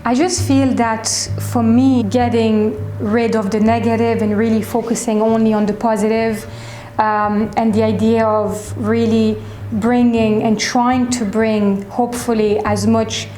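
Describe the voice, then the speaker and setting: A woman in her twenties with a French accent, a shop owner answering interview questions in a reflective way, often pausing and restarting. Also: on the high side, level tone, warm tone, slight background noise. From France. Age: 20s. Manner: reflective, hesitant with fillers and restarts. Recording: echoey room.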